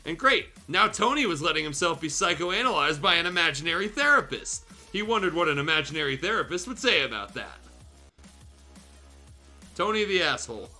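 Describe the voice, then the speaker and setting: This man, guest-hosting a livestream show, reads fan fiction aloud with comic theatricality and sweary, irreverent interjections while music plays. His voice leans high, lively in intonation, fairly quick and sharp.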